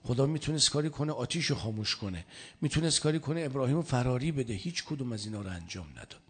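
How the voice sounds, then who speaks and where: Husky-voiced man preaching a sermon. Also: mid-range voice, animated. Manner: storytelling, quoting scripture in Arabic.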